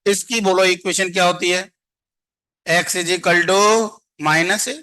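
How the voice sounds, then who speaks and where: A male math teacher, his voice pitched high and bright. He talks in an unhurried, drawn-out way, coaxing his class and firing questions at them to keep them answering. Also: fairly even intonation. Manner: coaxing, quizzes students constantly. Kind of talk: classroom lecture.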